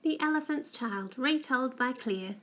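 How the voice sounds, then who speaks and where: A woman hosting a children's storytime program in a slow, sing-song way for toddlers. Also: high-pitched, lively intonation, a bit bright. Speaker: storytime host.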